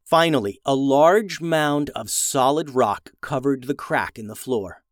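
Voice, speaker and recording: A man reads a fantasy adventure aloud in storybook narration. He keeps a steady, even storytelling pace at a middle pitch. The recording is dry, with no room sound. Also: measured pace, dry recording.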